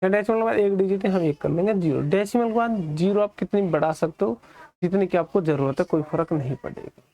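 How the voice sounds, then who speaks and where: Indian man teaching maths, quizzing. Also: a little fast. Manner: asks questions and answers them for the students; drops lower and softer on the students' replies. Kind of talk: classroom maths lesson.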